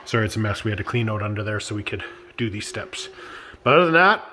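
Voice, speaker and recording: A man's voice: on the low side, lively intonation, quick pace, pushed and bright, slight background noise. Chatty man in an echoey shop. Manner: upbeat and chatty, laughs often. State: stuffed-up nose. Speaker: vlog host. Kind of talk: casual build vlog narration. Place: workshop house under renovation, indoors.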